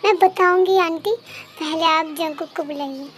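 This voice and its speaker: A woman voicing a fiercely loyal young woman in a fan-dubbed story, loud, accusing and demanding. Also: very high voice, steady tone, normal speed. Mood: furious. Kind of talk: fan dub story voice acting. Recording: faint background music.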